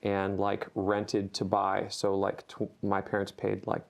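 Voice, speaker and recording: Man, from rural Ohio, interview guest, flat, relaxed, halting. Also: lowish voice, gravelly. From rural Ohio, USA. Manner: relaxed, halting, many fillers. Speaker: guest musician. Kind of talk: casual interview talk.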